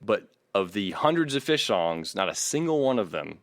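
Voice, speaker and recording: A podcast host talks about music in a casual, blunt way, laying out his opinions as a numbered list, point by point. His voice is fairly low and sing-song at a moderate pace, captured in a dry, studio-quality recording.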